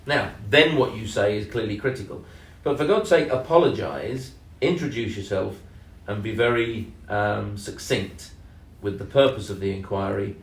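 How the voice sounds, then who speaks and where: A man co-hosting a casual podcast, speaking in a measured, hesitant way with many ums and leaning hard on key words. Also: fairly low pitch. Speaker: podcast co-host and sales trainer. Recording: roomy echo, mic at a distance.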